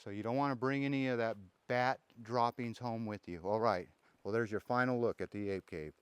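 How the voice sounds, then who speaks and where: A man's voice: mid-range voice, steady tone, brisk, clean tone. A man casually narrating his own travel vlog in a playful, jokey tour-guide way, filming on a handheld camera. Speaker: travel vlogger. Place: cave and outdoor mountain trail.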